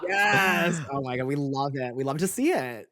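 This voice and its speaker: A man's voice: medium pitch, expressive, normal speed, bright, forceful tone. Effusive campy man with swooping intonation. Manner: campy, effusive, emphatic drag slang. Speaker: podcast co-host. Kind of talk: casual chat.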